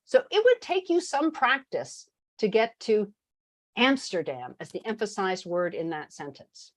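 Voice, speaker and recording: A woman leading an online teacher workshop over a video call, chatty and animated, laughing easily as she explains. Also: mid-range voice, measured pace. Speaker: teacher trainer. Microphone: video call microphone.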